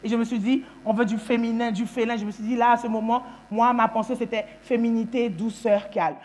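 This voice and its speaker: A woman's voice: a little high, brisk. A young woman performing stand-up comedy on a festival stage, talking straight to the crowd and acting out the people in her stories. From France. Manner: lively, addresses the audience directly, acts out dialogue. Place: festival stage before a live audience.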